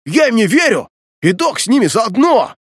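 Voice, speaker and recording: A man voicing a panicking young male street punk who yells in shrill, hysterical bursts. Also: big pitch swings, takes it slowly, slightly rough, dry recording, clean studio sound, exaggerated voice. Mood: panicked yelling.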